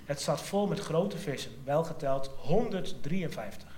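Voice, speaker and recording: A man preaching a sermon, retelling a Bible passage in a storytelling way, his voice dropping to a hush and then lifting again. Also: on the high side, animated, a little slow. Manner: storytelling, drops to a hush then lifts for quoted lines. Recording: echoey room sound.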